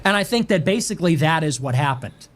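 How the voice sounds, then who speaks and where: A man's voice: fairly high pitch, expressive, quick pace. A man giving casual political commentary in a rhetorical way, with emphatic repetition.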